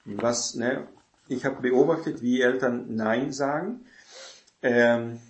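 A preacher delivers an informal sermon on parenting in a loose, rambling way, tagging many sentences with a questioning "ne?" and correcting himself while searching for words. His voice sits at an ordinary middle pitch, he takes his time, and the sound echoes around a roomy space.

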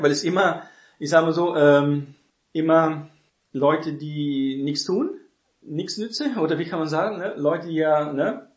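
Mann, lockere Bibellehre in hallendem Raum. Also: male voice, fairly high pitch, roomy sound. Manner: conversational, frequent tag questions, acts out quoted voices. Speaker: preacher teaching on church elders. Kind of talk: informal Bible teaching.

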